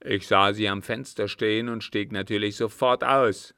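A commanding, scheming captain with a loud, urgent and conspiratorial manner, voiced by a man. He is low and gravelly, with a dry, close sound, like a storybook reading. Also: steady tone, normal speed, dry recording.

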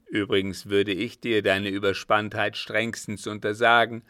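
A man doing a gruff, scheming old man. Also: on the low side, flat delivery, a little slow, fairly bright tone, dry recording, clean studio sound. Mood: sardonic. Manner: sardonic, calculating.

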